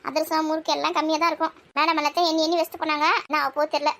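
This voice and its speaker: A woman rattles through village family banter at breakneck speed. Her voice sits very high and bright, and she scolds and nags in quick back-and-forth exchanges with the others in the household. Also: level tone. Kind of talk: acted everyday family banter.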